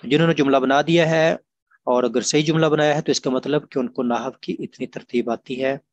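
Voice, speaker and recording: A man teaching an online grammar class, explaining patiently and repeating examples slowly. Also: medium pitch, steady tone, dull audio, a little hiss or hum.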